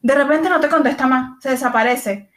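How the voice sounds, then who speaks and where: A woman with a Venezuelan accent and a fairly high voice, co-hosting a podcast. She talks in an easygoing, chatty way and gets expressive whenever she acts out what other people said. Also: fairly quick. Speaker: podcast co-host. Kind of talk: casual chat.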